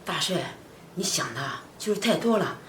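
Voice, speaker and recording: A woman's voice: lowish voice, animated, moderate pace, a little hiss or hum, natural voice. A woman playing a pushy matchmaking aunt. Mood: coaxing. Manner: coaxing, persuasive. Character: pushy middle-aged neighbor aunt, matchmaker. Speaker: neighbor aunt. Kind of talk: short web drama acting. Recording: echoey room.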